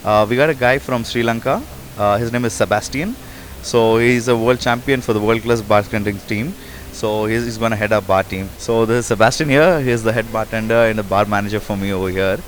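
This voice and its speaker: A bar owner speaks in a casual interview, his fairly low male voice moving a little fast over slight background noise. He comes across as a brash, emphatic promoter, boasting about his place with real force.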